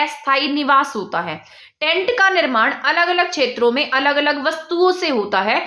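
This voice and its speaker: A woman's voice: high-pitched, sharp tone, echoey room. A young woman from India, teaching an exam-prep lesson and drilling points by asking and answering her own questions.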